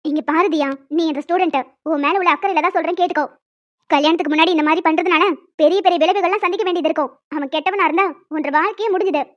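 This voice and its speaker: A woman voicing a stern young female professor who lectures and scolds in an animated story. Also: extremely high pitch, rapid-fire, highs cut off.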